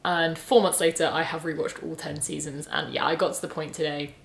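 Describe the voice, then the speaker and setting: A woman's voice: low-pitched, steady tone, fairly quick, creaky. A woman, chatting casually and rambling through a reading vlog with lots of fillers. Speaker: book vlogger.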